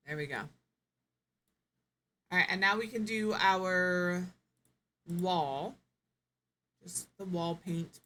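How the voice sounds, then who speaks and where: Woman, streamer, lowish pitch, live gameplay commentary, thinking aloud, self-correcting. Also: a bit bright.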